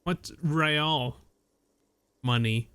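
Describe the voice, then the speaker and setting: A man's voice: on the high side, extremely slow, sharp tone, smooth. A man streaming a video game, reading dialogue choices aloud and joking casually with crude language. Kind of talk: casual gaming stream commentary.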